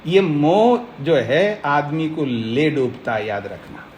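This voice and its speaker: A man's voice: on the high side, lively intonation, a little mellow, a little hiss or hum. A man teaching a philosophy class, explaining step by step and often asking the listeners if they follow. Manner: explains slowly, keeps checking the listeners follow. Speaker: teacher of Nyaya philosophy, swami. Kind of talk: Hindi scripture lecture to a class.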